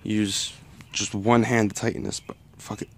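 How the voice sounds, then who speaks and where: Filming one-handed on a phone held near the job, a home mechanic talks through a car part repair at his garage workbench under a tent. This casual vlog features a fairly low male voice with little pitch movement, normal speed, and slight background noise, and his manner is plain-spoken and a bit apologetic.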